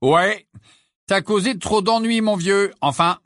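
A man's voice: fairly high pitch, sing-song, a little fast, a bit bright, dry recording, clean studio sound, pitched above the performer's own voice. A man voicing a cheeky, teasing teenage wizard boy in an audiobook. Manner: teasing, mocking.

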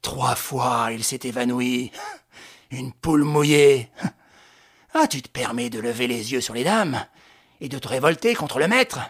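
A man voicing a raging, mocking gentleman thief in an audiobook, shouting and laughing with scorn. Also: medium pitch, expressive, a little slow, husky. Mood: sneering. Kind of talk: audiobook character voice.

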